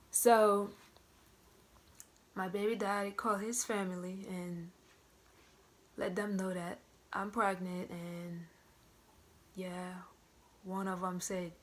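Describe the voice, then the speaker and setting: Young woman vlogger chatting through a story, talks like she's hanging with a friend, acts out what everybody said. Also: medium pitch. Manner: chatty, animated retelling with quoted dialogue. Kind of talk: casual story-time monologue.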